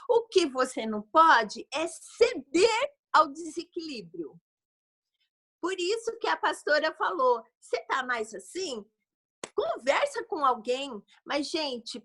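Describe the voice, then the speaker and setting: A Brazilian Portuguese-accented woman giving advice as a guest expert over a video call, lively and speaking straight to her audience. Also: sits high. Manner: lively, addresses the audience directly and often. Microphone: video call microphone.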